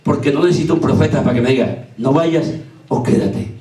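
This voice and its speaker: A man preaching a fervent sermon as pastor, often shouting as he tells personal stories. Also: mid-range voice, fairly quick. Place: church sanctuary. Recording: echoey church from far off.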